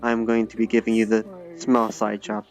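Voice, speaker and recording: A man's voice: lowish voice, monotone, moderate pace, lightly acted. A man playing a polite, businesslike official in online role-play, speaking formally. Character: businesslike man handing out paperwork and side jobs. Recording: dull lo-fi sound, faint music.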